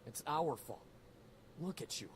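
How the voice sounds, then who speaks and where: A man's voice: fairly high pitch, animated, unhurried, slight background noise, rough recording. An actor voicing a young male demon noble in a game, blunt and swearing casually, full of guilt and rebellion. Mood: guilt-ridden. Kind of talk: game voice acting.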